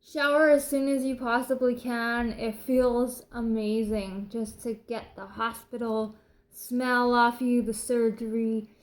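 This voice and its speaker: A woman's voice: fairly high pitch, little pitch movement, slow, low-quality recording. A woman with a Canadian accent giving casual, chatty advice in a vlog, speaking informally. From British Columbia, Canada. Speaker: vlogger sharing recovery tips.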